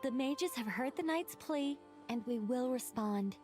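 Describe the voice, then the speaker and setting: A woman's voice: high voice, animated, a little slow, music in the background. A woman playing a gracious, theatrical angelic mage with a poised, flourishing delivery in an anime video game. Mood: gracious, playful.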